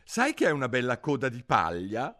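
A man's voice: mid-range voice, huge pitch swings, normal speed, fairly bright tone, voice pushed up. A man voicing Alice, a curious, polite little girl in a storybook reading, eager and earnest. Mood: pleading.

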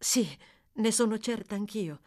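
A woman voicing a kind young lady who speaks softly and earnestly, close to her own voice. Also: medium pitch, a little slow, pitched above the performer's own voice, natural voice. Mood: tender. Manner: soft, earnest.

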